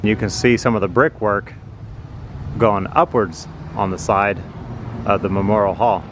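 A man narrating a walking tour outdoors on a city sidewalk, explaining things slowly and plainly as he films with a handheld phone. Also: lowish voice, noisy background. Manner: slow, plain, informative. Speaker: vlogger touring a building. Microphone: handheld phone camera.

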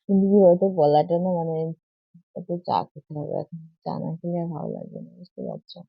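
Woman, hoarse, gravelly, rambling vlog chat, dry close sound. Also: on the low side, steady tone, fast talker, no room sound, soft background music. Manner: rambling, repetitive, keeps asking viewers if they follow. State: hoarse from a cold and sore throat. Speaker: vlogger. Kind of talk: casual morning vlog chat to viewers. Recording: tinny phone-like audio.

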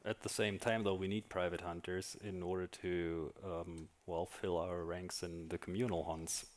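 Deep-voiced man speaking matter-of-factly. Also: little pitch movement, moderate pace. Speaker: panelist. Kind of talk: panel discussion contribution. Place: conference hall stage, indoors.

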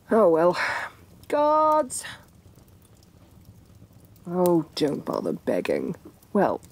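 A voice actress plays a domineering, vain evil sorceress queen in a soft-spoken ASMR fantasy roleplay. Her fairly low, exaggerated voice is imperious and sardonic, laced with breathy condescension.

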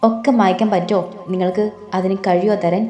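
Woman voicing a pleading young bride, tearful, mellow tone. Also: medium pitch, steady tone, quick pace, roomy sound, faint music behind, close to an everyday voice.

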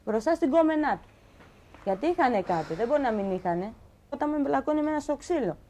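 A young woman guest on a talk show, telling her own story in an animated way and acting out the dialogue she quotes. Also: sits high, a little hiss or hum. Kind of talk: emotional personal account on a talk show.

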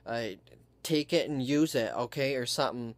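A man doing a deadpan comic vlog monologue, halting and full of ums. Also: mid-range voice, poor audio. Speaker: vlogger.

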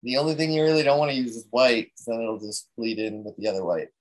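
A man of medium pitch talking casually through a photography technique. He rambles a bit and often restarts his sentences with "um" and "so," in an easygoing way. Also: quick pace, poor audio. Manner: relaxed, rambling, many fillers and restarts. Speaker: presenter at a photography talk.

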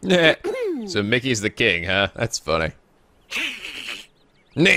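A gaming video host with a fairly low voice talks slowly but very animatedly, sounding pushed and bright. He keeps things casual and playful, exclaiming and swearing freely, over game music with a little hiss or hum.

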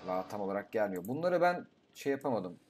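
A young man giving casual gameplay commentary, talking to himself, swearing and breaking into excited outbursts. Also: fairly low pitch, a little fast. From Turkey. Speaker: gaming YouTuber.

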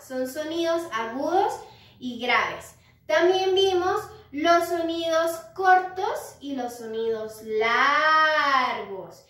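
High-voiced teacher, echoey room. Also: female voice, expressive, slow. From Colombia. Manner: gentle, patient, asks "¿verdad?" often. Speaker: music teacher. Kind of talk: recorded lesson for young children. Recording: echoey room, far from mic.

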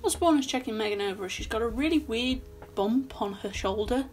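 A woman's voice: fairly high pitch, expressive, a little fast, a little mellow. A young woman recapping a horror film in a casual, chatty way with sarcastic asides, filmed in a small bedroom at her desk. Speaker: film reviewer.

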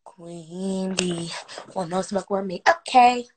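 A woman's voice: mid-range voice, slow pace, slight background noise. A young woman casually chatting and laughing with viewers on a phone live stream, teasing and playful. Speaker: livestream host.

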